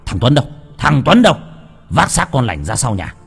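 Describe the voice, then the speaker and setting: A man voicing a harsh, bullying male household master who shouts curses and threats at his servant, in a horror audiobook. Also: fairly low pitch, very animated, fast talker, creaky, breathy edge, long reverb tail, full character voice. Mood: furious.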